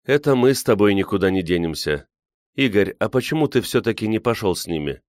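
A man reading an audiobook, voicing a sharp-tongued, bitter young woman who mocks her friends. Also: fairly low pitch, animated, a little fast, no room sound, studio quality, natural voice. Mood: mocking. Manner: mocking, biting.

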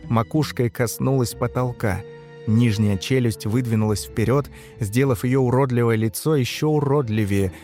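A man reading a story aloud in measured, scripted narration. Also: mid-range voice, mellow. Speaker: audiobook narrator.

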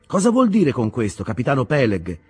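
A man voicing an earnest young sailor with an eager, animated delivery. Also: mid-range voice, a little fast, breathy edge, pitched above the performer's own voice.

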